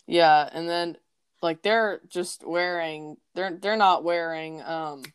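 A young woman co-hosting a casual book podcast, her voice smooth and clear and set a little low. She rambles along with plenty of fillers. The sound is dry and close. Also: steady tone, slow, no echo. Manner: chatty, rambling, with frequent fillers. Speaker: podcast co-host.

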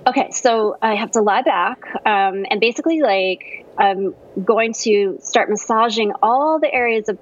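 A woman playing a dreamy, earnest wellness devotee calling in to a radio show, her voice breathy and airy over the call line. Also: mid-range voice, muffled recording, a little hiss or hum.

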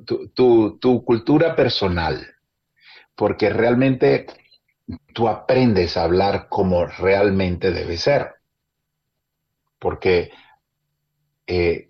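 A Venezuelan man, an actor, chatting casually and telling animated stories with acted-out quotes. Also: low voice, breathy edge. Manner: animated storyteller, acts out quotes. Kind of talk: casual chat. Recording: slightly dull lo-fi sound.

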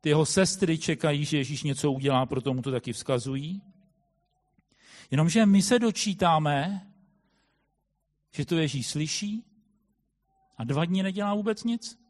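A man preaching a sermon in a thoughtful way, often pausing with hesitant fillers as he explains. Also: a little high. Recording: long hall reverb.

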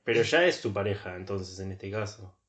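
A man's voice: fairly low pitch, fairly even intonation, moderate pace, fairly bright tone. A man with a Rioplatense Spanish accent co-hosting a casual comedic podcast, tossing in jokes and mock dramatic lines. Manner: joking interjections and mock dramatic readings. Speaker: podcast co-host.

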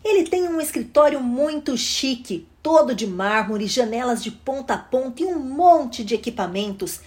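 A woman, reading a children's book aloud in a lively, animated way. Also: sits high, moderate pace. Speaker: storybook reader.

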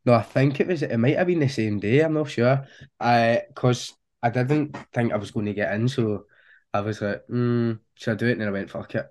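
A man's voice: medium pitch, moderate pace, a little mellow. A man with a broad Scottish accent, talking informally and slangily as a music artist being interviewed. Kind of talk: casual interview chat.

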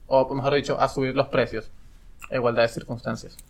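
A man's voice: mid-range voice, little pitch movement, brisk. Insistent young man explaining economics. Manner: explains insistently, grows loud when pressed. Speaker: podcast co-host. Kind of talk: casual debate.

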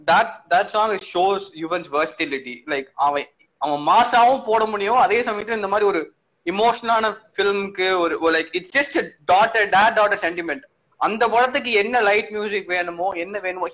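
A man with a South Indian Tamil accent talks in a high, bright voice. He is very quick and emphatic, chatting casually and slipping between English and Tamil. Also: poor audio. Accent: Tamil Nadu, South Indian. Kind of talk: casual chat about film music.

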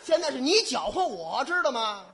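Gravelly high-pitched straight man with lively retorts. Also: a little hiss or hum. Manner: quick retorts and exasperated interjections. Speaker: straight man in a crosstalk duo. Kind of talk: stage crosstalk comedy.

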